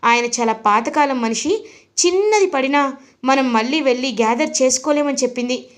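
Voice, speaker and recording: A woman voicing an irritable young husband who scolds and shouts at his wife in a TV serial recap. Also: high voice, normal speed, close to an everyday voice. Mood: irritated scolding. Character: irritable young husband, a male office boss.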